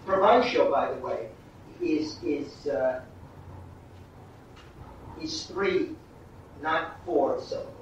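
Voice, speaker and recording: A man coaching actors through a master class, halting and repeating words as he explains. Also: fairly high pitch. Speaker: acting teacher. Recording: distant echoey room, muffled, faint hiss.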